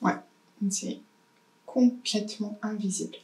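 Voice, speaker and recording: A woman's voice: mid-range voice, fairly even intonation, measured pace, warm tone, soft background music, low-quality recording. A woman, chatting casually through a beauty haul and unboxing, thinking aloud with lots of hesitations. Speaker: beauty vlogger.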